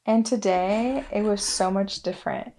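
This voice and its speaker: A young woman telling a personal story in a casual, chatty way, full of "like" and "um", with soft asides. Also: medium pitch, a little slow. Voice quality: creaky fry voice. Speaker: wellness vlogger.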